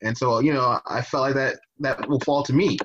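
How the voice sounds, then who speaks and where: A man talks casually on a podcast, rambling and swearing through a political rant, full of "uh"s and restarts. His pitch sits mid-range and the sound is a little muffled. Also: steady tone, moderate pace, fairly bright tone, slight background noise. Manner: rambling, profane, with frequent fillers and restarts. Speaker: podcast co-host.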